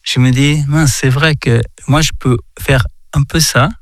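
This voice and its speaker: A man from Portugal giving a reflective faith talk, halting often and repeating words as he searches for them. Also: mid-range voice, steady tone, no echo. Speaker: speaker sharing a reflection.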